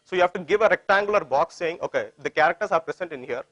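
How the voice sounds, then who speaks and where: A man's voice: a little high, animated, fast, a bit bright, no echo, lo-fi sound. A man with an Indian accent giving an informal technical presentation, often repeating phrases and posing questions that he answers himself. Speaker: tech conference presenter.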